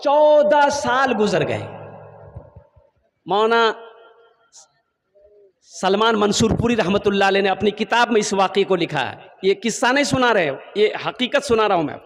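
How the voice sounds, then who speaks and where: High-voiced preacher in a reverberant hall. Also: male voice, expressive, normal speed, pauses often. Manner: emotional storytelling preacher who quizzes the crowd. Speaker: Islamic preacher. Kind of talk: sermon storytelling.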